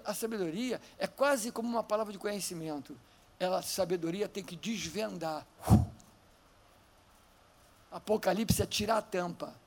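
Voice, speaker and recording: A man with a Brazilian Portuguese accent preaching a sermon, swinging from fervent shouting to quiet teaching and acting out Bible stories. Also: high voice, gravelly.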